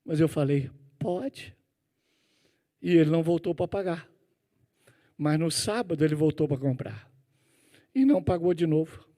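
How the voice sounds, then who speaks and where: A middle-aged Brazilian man preaches in a church, his voice sitting notably high. He tells stories with animated sound effects. He turns often to question the congregation directly. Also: moderate pace, long pauses. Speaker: pastor. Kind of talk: sermon with personal storytelling.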